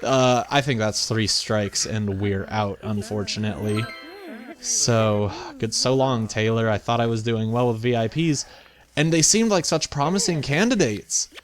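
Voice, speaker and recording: A man's voice: medium pitch, a little slow. A man giving casual, chatty video game commentary, thinking aloud with playful mock indignation as he hosts. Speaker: video game let's play host.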